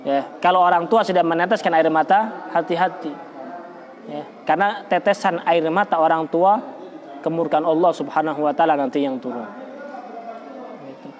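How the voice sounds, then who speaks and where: A man's voice: fairly high pitch, fairly even intonation, normal speed, long pauses. A man teaching a religious study lecture in a casual, conversational way, weaving in Arabic verses and repeating points with stammered restarts.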